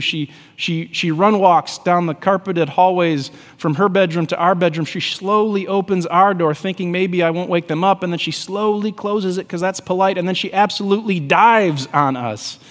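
Thirtysomething pastor guy preaching, kinda high voice, goes quiet then loud, long hall echo. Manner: dramatic swings between hushed softness and loud emphasis. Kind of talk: sermon. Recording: long reverb of a large hall.

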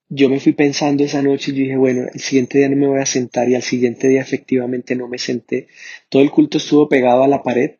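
A man tells his testimony in an earnest, even delivery with little rise and fall. His voice is husky and warm, and the recording sounds dull and lo-fi. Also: mid-range voice. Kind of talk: personal testimony.

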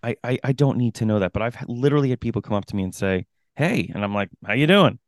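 A man's voice: lowish voice, very fast, a little mellow, dry recording. A man co-hosting a casual podcast as a running coach, talking emphatically and often laughing as he makes his points. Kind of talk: casual chat.

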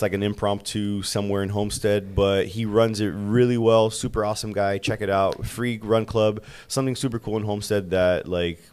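Man, lowish smooth voice, slangy, laid-back podcast co-host, casual chat. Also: a little mellow.

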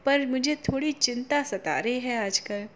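A woman voicing a lazy, cunning old male heron who speaks calmly and plays pious and helpless, in a storybook tale. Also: high voice, unhurried, a little hiss or hum. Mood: falsely pious. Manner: calm, falsely pious and helpless.

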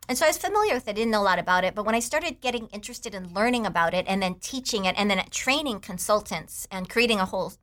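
A woman from Taiwan, a feng shui teacher and author, appears as a podcast guest in an office boardroom. She chats casually and explains her subject patiently in a mid-range, slightly bright voice.

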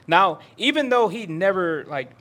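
A man's voice: high voice, normal speed. A young adult man, a podcast co-host, telling stories in casual chat and acting out bits of dialogue. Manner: relaxed storytelling with acted-out dialogue.

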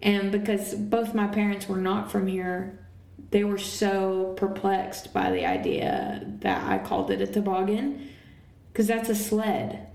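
Gravelly woman co-host in a roomy echo. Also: mid-range voice, lively intonation, unhurried, darkish tone. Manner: chatty, laughs often. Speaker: podcast co-host. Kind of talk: casual chat.

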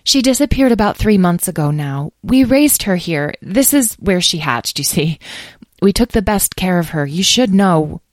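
A woman's voice: fairly low pitch, lively intonation, moderate pace, dry recording, close to an everyday voice. A woman voicing a young dragon expert who speaks in a gushing, breathless way. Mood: eager, soft.

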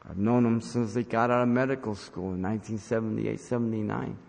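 In a large hall with long reverb, an older man reads scripture and preaches to his congregation. A pastor, he exhorts earnestly at a medium pitch, with a creaky voice, and repeats phrases for emphasis.

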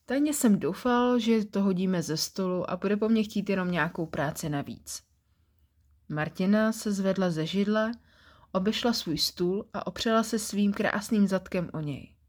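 A woman reading a first-person short story aloud for a podcast in a calm, even storytelling manner. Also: mid-range voice.

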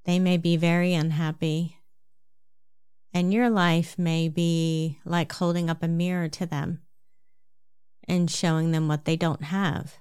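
Slow, calm woman with a New Jersey accent. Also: lowish voice, smooth, no echo, clean studio sound. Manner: calm, measured, explanatory. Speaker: self-help speaker. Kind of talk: reflective self-help talk.

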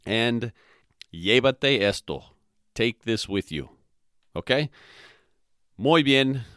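Guy hosting a spanish lesson podcast, talks real slow, spells stuff out, dry close sound. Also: medium pitch, lively intonation, fairly bright tone, no room sound. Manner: spells words letter by letter and repeats phrases; checks in with "all right?" and "okay?". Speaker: podcast host teaching Spanish. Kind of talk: slow, methodical language lesson.

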